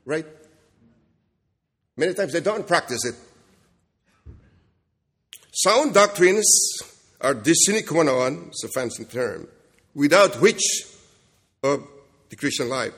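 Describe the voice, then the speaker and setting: A man's voice: fairly high pitch, lively intonation, slow pace, long pauses, a bit bright, slightly rough. A man preaching an expository sermon with emphatic repetition, often checking in with short rhetorical questions. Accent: non-standard accent, self-described jokingly as Kentucky. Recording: echoey hall with long reverb.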